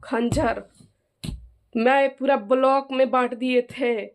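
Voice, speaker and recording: A woman's voice: high voice, steady tone, slow pace. A middle-aged woman with an eastern Hindi accent from Jharkhand, talking heatedly in a family vlog and insisting others back her up. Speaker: vlogger and mother of the bride.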